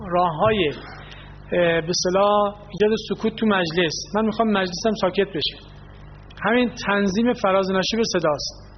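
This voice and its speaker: A man's voice: high-pitched, a little hiss or hum. A man teaching a voice skills workshop, explaining and putting questions to the group. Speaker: workshop instructor. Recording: dull lo-fi sound in an echoey hall.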